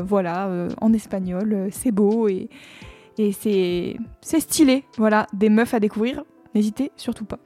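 A woman's voice: medium pitch, mellow, dry recording. Casual slangy woman music co-host. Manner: casual, slangy, many fillers.

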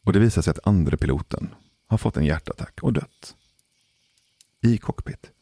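A man telling a personal story in a casual, measured way, pausing for suspense. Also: sits low, expressive, creaky, dark tone, slightly rough, no room sound. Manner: measured, deliberate pauses for suspense. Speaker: podcast storyteller.

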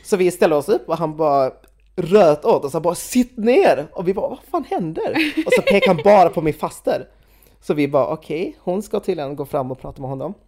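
A young woman casually retelling a travel story, animated, quoting people with lots of fillers. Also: low-pitched. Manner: animated retelling with quoted voices and frequent fillers.

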